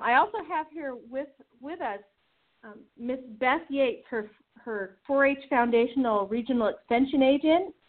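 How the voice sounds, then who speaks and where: A woman guest speaking over a tinny speakerphone line, explaining a contest in an organized, step-by-step way. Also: a little high. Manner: organized, walks through plans step by step. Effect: tinny phone line on speakerphone. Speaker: state 4-H program leader, guest. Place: out on location with others around.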